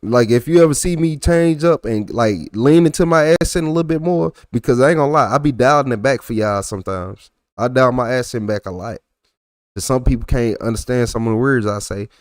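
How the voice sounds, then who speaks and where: A young adult man with a thick Texas accent talks casually on a livestream, going through comments from his chat. His voice is medium-pitched and a little fast. The sound is studio quality, with no room sound.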